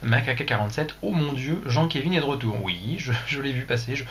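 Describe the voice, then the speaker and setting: A man's voice: medium pitch, expressive, fairly quick, fairly bright tone, slight background noise. A man hosting a casual livestream, rambling and joking crudely, talking into a computer mic. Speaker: livestream host.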